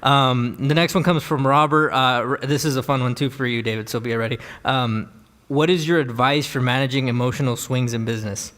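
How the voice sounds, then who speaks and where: A man's voice: mid-range voice, fairly even intonation, a bit bright. A man moderating a conference Q&A, reading out audience questions in a friendly way and reacting to the guest's answers. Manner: quick, friendly, reads out questions. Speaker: conference Q&A host.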